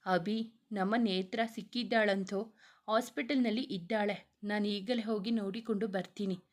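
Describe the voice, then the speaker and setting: A woman reading the lines of a caring young husband in a spoken story, gentle and soothing. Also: medium pitch, fairly even intonation, moderate pace, natural voice. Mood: earnest. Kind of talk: read-aloud story dialogue.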